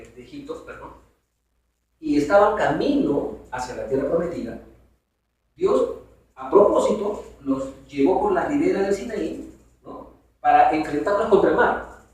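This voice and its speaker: A man's voice: on the high side, sing-song, normal speed, long pauses, a little mellow. A man teaching a Bible study to a congregation in a conversational way, asking his listeners questions. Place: church hall. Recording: very echoey hall from far off.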